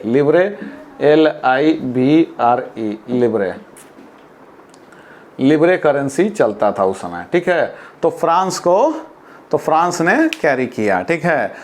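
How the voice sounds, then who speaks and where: A man with a slightly higher voice teaches a class, moving between brisk Hindi explanation and slow, deliberate English sentences. He calls his students "beta", asks rhetorical questions and spells out words to get the pronunciation right. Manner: explains in Hindi, then reads English lines slowly and deliberately.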